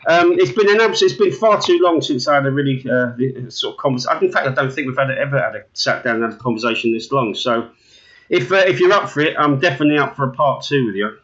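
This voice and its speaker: A man's voice: mid-range voice, expressive, fast talker, fairly bright tone, lo-fi sound. A man hosting a podcast, chatting in crude, joking banter and rambling with lots of restarts. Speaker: podcast host.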